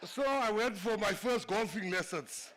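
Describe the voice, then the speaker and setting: A South African minister, Afrikaans by first language, delivers a funny after-dinner speech in a banquet hall, spinning stories and chuckling at his own jokes. He speaks unhurriedly in a high, slightly bright voice, and the recording is rough.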